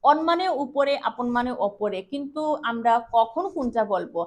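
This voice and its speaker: Female grammar teacher, bright high voice, slow and deliberate, repeats examples. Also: animated. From Tripura, India. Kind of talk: classroom-style grammar lesson.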